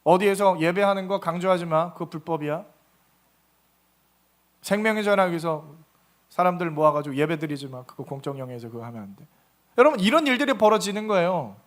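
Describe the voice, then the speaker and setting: A man's voice: high voice, animated, brisk. A male pastor giving a Sunday sermon, preaching with animation and acting out quoted voices.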